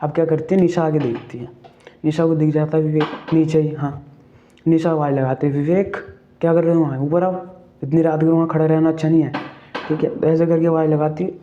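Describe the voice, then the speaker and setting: A man's voice: a little high, level tone, brisk, muffled recording, a little hiss or hum. A man casually retelling a ghost story, chatty, checking in with the listener and asking questions as he goes.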